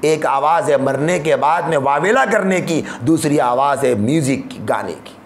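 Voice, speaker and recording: A man with a Hyderabadi Urdu accent delivers an impassioned sermon in a slightly high voice. His lines climb to emphatic peaks, then sink low and quiet. The sound rings around an echoey room with a faint hum of ambience behind him. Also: moderate pace. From India. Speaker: mufti, Islamic preacher.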